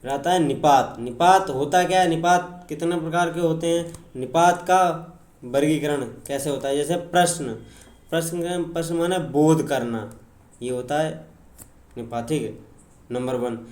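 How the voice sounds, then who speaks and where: A man's voice: on the high side, unhurried, a little mellow, echoey room. A man teaching an exam-prep grammar lecture, explaining with examples, repeating points and often checking in with his students.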